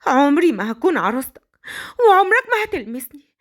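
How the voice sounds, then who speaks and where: A woman voicing a frightened young captive bride, pleading in a high, tearful Egyptian voice. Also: big pitch swings, fairly quick. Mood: defiant. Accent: Egyptian Arabic.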